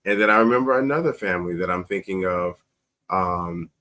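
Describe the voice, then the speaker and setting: A man with a low voice speaks briskly and with a sharp edge, sharing personal stories as a talk show guest. He's a teacher, and he acts out quoted dialogue with emphasis while chatting conversationally in the interview.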